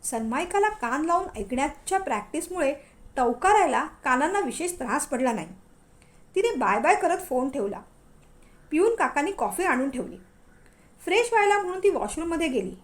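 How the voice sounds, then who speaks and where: A woman narrating a story in a lively, expressive way. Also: high voice, normal speed.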